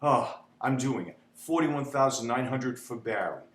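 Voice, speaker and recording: An instructor teaches a spreadsheet tutorial in a chatty, repetitive way, constantly asking "okay?" and dramatizing panic. His medium-pitched voice is animated and fairly bright, and he's unhurried. The room is echoey with a faint hum.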